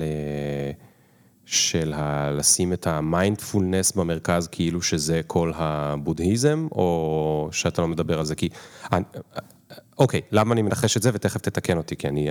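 A man's voice: low voice, darkish tone. A man hosting a podcast, asking long, searching questions and playing down his own knowledge. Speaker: podcast host. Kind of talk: interview questions.

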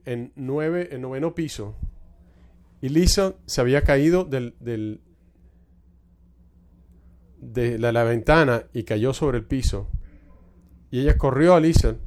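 A man's voice: mid-range voice, darkish tone. A male pastor preaching a sermon, telling a church story with frequent restarts and repeated words.

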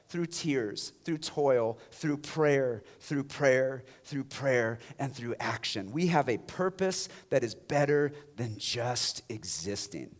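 A pastor delivers a passionate sermon in a mid-range voice. He swings between loud exhortation and hushed lines spoken almost in a whisper.

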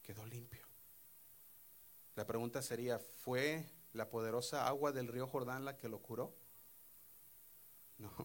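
A man preaching a sermon, retelling a Bible story with lively, acted-out quotes and sudden drops to a hushed voice. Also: medium pitch.

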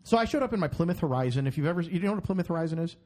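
A man from Minnesota spins a rambling personal anecdote in casual podcast chat. His voice sits high and swings widely, and he repeats words as he restarts his sentences. He laughs easily. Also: very fast. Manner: animated, stammering restarts, bursts of high laughter. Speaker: podcast host.

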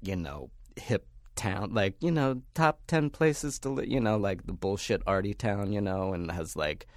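A man's voice: fairly low pitch, lively intonation, measured pace, no room sound, clean studio sound. A man talking as a podcast guest, telling casual stories in a rambling, blunt way, full of fillers and swearing. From Pennsylvania, United States. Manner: rambling, heavy use of fillers, blunt and profane. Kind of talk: casual storytelling.

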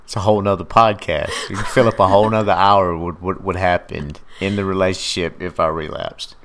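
Guy w a really low voice, laid back, blunt, jokey podcast talk. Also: fairly even intonation, a little fast, a bit bright, a little hiss or hum. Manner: easygoing, blunt storytelling with jokes. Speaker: podcast guest, former drug addict. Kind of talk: casual podcast chat.

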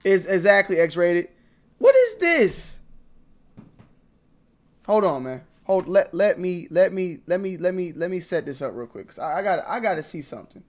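A young man vlogging about sneakers in slangy, repetitive casual talk that swings between mumbling and loud outbursts. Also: sits high, brisk, few pauses. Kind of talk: casual ranting commentary.

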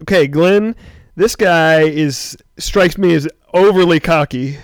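A man's voice: a little high, slow pace, no echo, studio quality. An American man hosting a quiz in a casual, bantering style. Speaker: quiz host.

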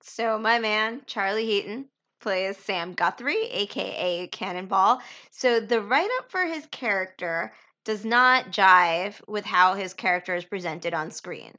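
A woman with a bright, sharp voice co-hosts a podcast in an easygoing, enthusiastic way. Her talk is relaxed chat. The sound is muffled and lo-fi. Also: medium pitch, a little slow. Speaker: podcast co-host. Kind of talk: casual chat. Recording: dull lo-fi sound.

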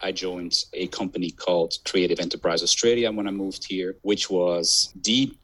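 A man's voice: low-pitched, level tone, moderate pace, a bit bright, low-quality recording. A man from Belgium with a mixed Belgian accent, a podcast guest talking fluently through his career in long runs. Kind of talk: podcast interview.

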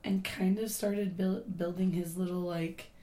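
Hoarse woman chatting slowly. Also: lowish voice, level tone, dark tone, roomy sound. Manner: rambling, many fillers, laughs often. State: hoarse, losing her voice. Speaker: podcast co-host. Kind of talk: casual chat.

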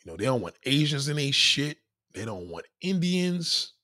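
A man's voice: mid-range voice, normal speed, no echo, clean studio sound. A man rants bluntly and profanely to his live-stream viewers, reading out their comments. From New York. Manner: blunt, profane, animated street talk. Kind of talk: casual live-stream rant.

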